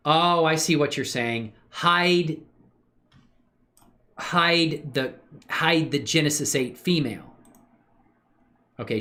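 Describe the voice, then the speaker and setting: A man with a mid-range, sharp-toned voice hosts a casual livestream of his 3D animation work. He chats with live viewers, laid-back, slangy and appreciative, thinking out loud as he works.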